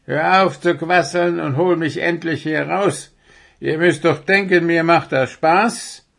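A man's voice: fairly high pitch, animated, measured pace, gravelly, voice pushed up, full character voice. Grumbling little storybook owl, sleepy and cross, voice raised a bit, as a man reads him. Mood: grumpy. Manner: complaining, grumbling.

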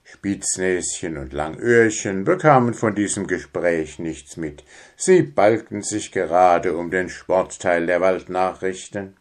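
Slow, measured male storyteller. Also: low voice. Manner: calm, measured. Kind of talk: children's audiobook reading.

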